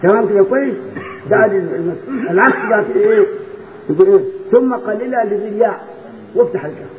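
A man with an Egyptian Arabic accent teaches Quran recitation in a high voice, quizzing his students and chanting verses slowly. The recording is tinny and phone-like, with steady noise behind him. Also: roomy sound. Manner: repeats verses in slow chanted recitation between quick explanations. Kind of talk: explaining recitation rules to students.

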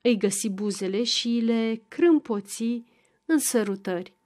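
A woman with a fairly high voice narrating an audiobook. She reads at a measured, even pace in a calm storytelling manner. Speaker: volunteer audiobook reader. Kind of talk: audiobook narration of a classic novel.

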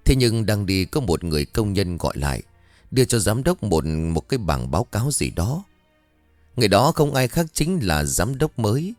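A man tells a horror story in a low voice with a wide, lively swing of pitch. The reading is dramatic. The recording is dry and close, with faint music underneath. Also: moderate pace, no echo. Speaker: narrator.

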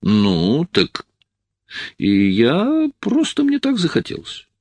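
A man's voice: a little high, huge pitch swings, takes it slowly, darkish tone, dry recording, pitched above the performer's own voice, exaggerated voice. A man voicing a frightened young woman. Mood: flustered. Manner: pleading, tearful. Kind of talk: audiobook reading.

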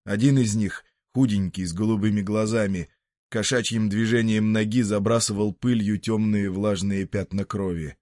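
A man reading a story aloud in a measured, even storytelling manner. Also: fairly low pitch, dry recording, clean studio sound. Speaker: narrator. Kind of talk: scripted narration of a story.

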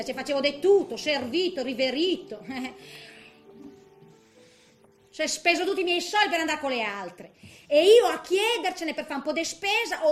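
This actress, also in her eighties, has a high-pitched, fairly bright voice as she portrays a garrulous, feisty widow in a stage comedy monologue. Her grumbling is colloquial and peppered with small interjections, and the mood comes across as bitter and resigned.

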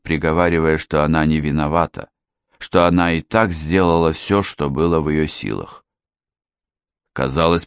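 A man narrating a classic detective audiobook in a measured, even reading. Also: deep voice, clean tone, no room sound, studio quality. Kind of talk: scripted narration.

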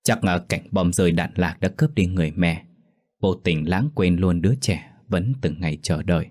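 Deep-voiced somber ghost story narrator. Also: male voice, moderate pace, darkish tone.

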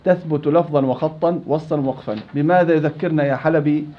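A man's voice: fairly high pitch, fairly even intonation, fast talker, muffled recording, slight background noise. A man teaching a Quran recitation class, quizzing students by name and teasing them. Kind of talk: interactive classroom lesson.

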